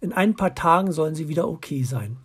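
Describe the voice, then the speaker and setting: A man voicing a caring mother fox in a storybook, speaking calmly and reassuringly. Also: fairly high pitch, a little fast, slightly rough.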